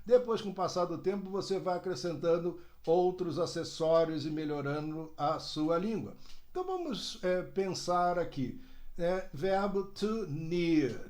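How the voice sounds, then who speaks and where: A man teaching an English lesson to learners, lively and direct, slowing down to model phrases. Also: high voice. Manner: addresses learners directly, frequent "né?" and "ó". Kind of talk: video language lesson.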